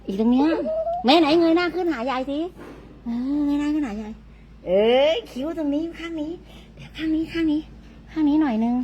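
A woman's voice: high voice, brisk, warm tone, muffled recording, slight background noise. Older woman coaxing a child. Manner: coaxing, playful, often laughing. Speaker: grandmother cutting her grandchild's hair. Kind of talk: casual vlog chatter.

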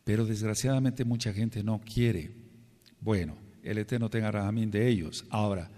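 A low-voiced man with a Mexican Spanish accent preaches a Bible lesson in an earnest, repetitive teaching style. His words ring out with a long reverb, as if spoken in a large hall. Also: moderate pace, warm tone. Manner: earnest, repeats and spells out words for emphasis. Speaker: congregation leader teaching.

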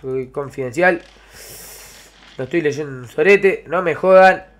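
A man's voice: on the high side, a little slow, slight background noise. A man with an Argentine accent giving horror gameplay commentary, jumpy, swearing constantly and screaming when frightened. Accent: Argentine Spanish. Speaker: let's play gamer.

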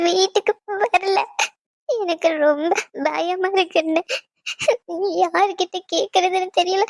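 A frightened young wife in a cartoon stammers and sobs that her husband is missing, as a woman voices her. Her voice is very high. The sound is close and dry. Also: dry recording. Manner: stammering, tearful. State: crying. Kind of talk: cartoon voice acting.

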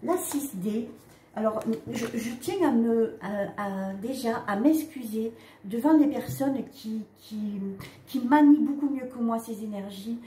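A woman giving a casual spiritual card reading, talking straight to her viewers in a halting way with frequent "hein" and "d'accord" tags. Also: on the high side, lively intonation, warm tone. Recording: echoey room with faint ambient noise.

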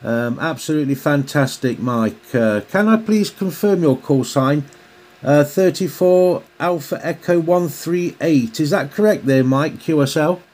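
On a two-way radio contact, an amateur radio operator chats courteously, using standard radio procedure phrases. His voice is fairly high and darkish in tone, and he speaks at a measured pace.

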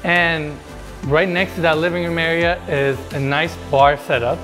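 Soft music plays behind a man in his thirties as he narrates a casual walkthrough of a big house basement, chatting enthusiastically to viewers on a lapel mic indoors. He speaks in a slightly high, fairly bright voice with a steady tone and measured pace.

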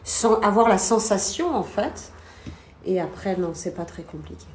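A woman in her fifties explaining things casually on a live stream as a hypnotherapist, in a hesitant, halting way. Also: medium pitch, a little mellow. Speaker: hypnotherapist guest. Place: small indoor room. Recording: echoey room, noisy background.

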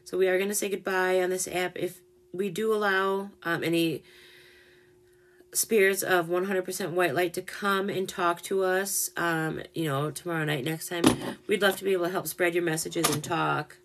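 A woman hosting a paranormal live stream in casual chat, gentle and openly emotional as she speaks to spirits directly. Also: lowish voice, fairly even intonation, normal speed, noisy background.

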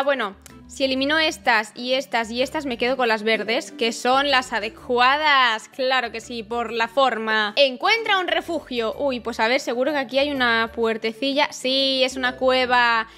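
A woman's voice: sits high, bright, forceful tone. A woman, chatting to viewers as she plays a puzzle game, often puzzled and talking it through. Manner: chatty, puzzled, talks to viewers while playing. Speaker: gaming YouTuber. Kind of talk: casual let's-play commentary.

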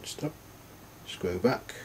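Speaking very slowly in a darkish tone, a man mumbles his way through an unscripted product demo. It's casual tutorial narration, hesitant throughout, with faint noise in the background.

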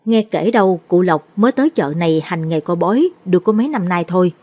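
A woman narrating a late-night Buddhist ghost story in a steady, measured way. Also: fairly low pitch.

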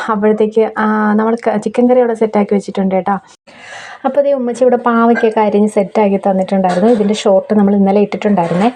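A woman's voice: medium pitch, warm tone. A young woman talking a cooking video through in a casual voice-over. She explains each step in a chatty way and keeps checking in with her listeners, recording outdoors. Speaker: cooking vlogger.

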